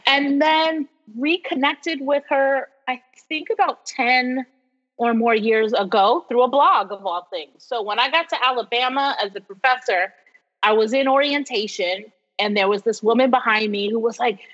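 A woman from New York in her forties, a professor telling stories as an interview guest in an animated way, laughing often. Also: a little high, normal speed. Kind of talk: casual storytelling interview. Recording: dull lo-fi sound with long reverb.

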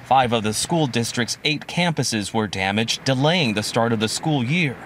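A man's voice: medium pitch, animated, moderate pace, fairly bright tone, a little hiss or hum. A man working as a news correspondent, narrating a scripted report.

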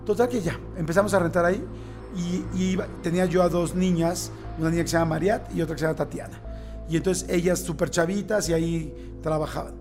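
A Mexican man tells his own anecdote in easy conversational chat. His voice is fairly high for a man, and soft music plays faintly behind him. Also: quick pace. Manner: expressive, exclaiming reactions. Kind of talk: casual conversation.

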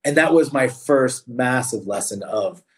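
A man's voice: mid-range voice, expressive, unhurried. Reflective male interview guest. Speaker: interview guest, business manager. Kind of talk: reflective storytelling in conversation.

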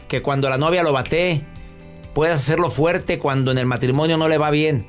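A man's voice: on the high side, moderate pace, faint music behind. A middle-aged man hosting a podcast interview, chatting in a playful way. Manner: playful, acts out parent quotes. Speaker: podcast host. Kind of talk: casual interview chat.

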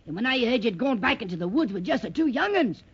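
Loyal old salt sailor, high cracked voice, blustering radio adventure style, dull old recording. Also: male voice, sing-song, fast talker, a bit bright, slightly rough, full character voice. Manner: salty seaman's dialect, blustering.

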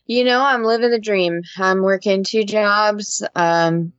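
A woman co-hosting a casual podcast, talking haltingly with many fillers. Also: mid-range voice, fairly even intonation, no room sound. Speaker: podcast co-host. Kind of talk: casual chat. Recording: dull dry lo-fi mic.

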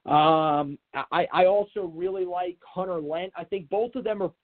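A man's voice: sits high, moderate pace. A man hosting a sports podcast solo, talking casually and off the cuff in a rambling way with many filler phrases. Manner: rambling, repeats filler phrases like "you know". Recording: tinny, narrow phone-like sound.

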